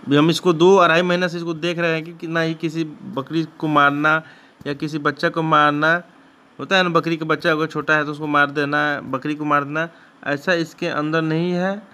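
Speaking at a moderate pace in a level, somewhat high voice, this Bihari man sounds bright and forceful. He raises goats and runs his own channel, loosely narrating shed footage with plenty of repetition, wandering and fresh starts.

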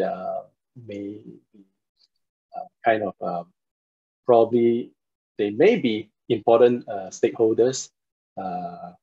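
A man's voice: on the low side, dark tone, husky. A man in his forties from Singapore, giving an online university lecture, polite and hesitant with many fillers, heard through a computer mic on a video call. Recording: dull lo-fi video call audio.

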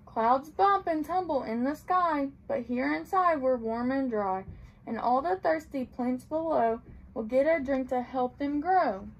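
A woman's voice: high voice, lively intonation, measured pace, highs cut off. A young woman reading a picture book aloud to small children in a sing-song storytelling way, as a playschool teacher. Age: young adult. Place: small tiled indoor room.

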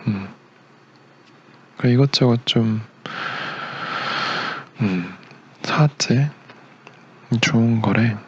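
A young man acting as a gentle, doting boyfriend in a romantic ASMR role-play, a tender leading man with a soothing, murmured, partly whispered delivery. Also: medium pitch, extremely slow, long pauses, lo-fi sound. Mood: caring, attentive. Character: doting, gentle young boyfriend caring for his sick girlfriend.

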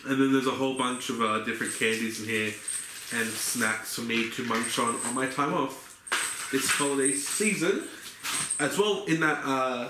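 Young aussie guy chatting about his gifts, lots of uhs, roomy echo and a bit of hiss. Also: medium pitch. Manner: relaxed, rambling, many fillers. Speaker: vlogger. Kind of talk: casual haul video. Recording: echoey room with faint noise.

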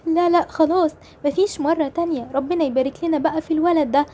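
A woman's voice: high voice, fairly even intonation, fast talker, mellow, slight background noise, close to an everyday voice. A woman playing a tearful young Egyptian mother. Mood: sad, pleading. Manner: plaintive, tearful pleading. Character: young mother longing for her lost twin.

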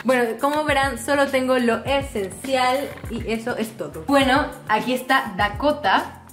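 This high-voiced Peruvian woman in her twenties vlogs a house tour, chatting to camera in a playful, mock-serious, joking way at a measured pace with a fairly bright tone. Indoors, her camera mic catches the echo of small hard-walled rooms over clear background music.

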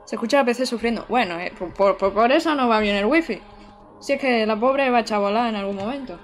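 A woman's voice: fairly high pitch, fast talker, soft background music. A young woman, chatting to her viewers while playing a game live. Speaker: streamer. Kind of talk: live gameplay commentary.

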